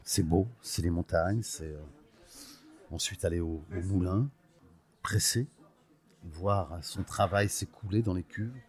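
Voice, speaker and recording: With a low voice, a measured pace and frequent pauses, a man in his sixties from Portugal shares personal stories in a podcast interview. He's an olive oil producer, thoughtful and hesitant as he hunts for words, fond and proud of where he's from.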